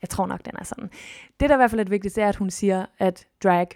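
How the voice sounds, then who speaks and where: A woman hosting a solo podcast, talking in a casual, expressive and chatty way, restarting often and swooping up now and then. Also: mid-range voice, no echo, studio quality. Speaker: podcast host.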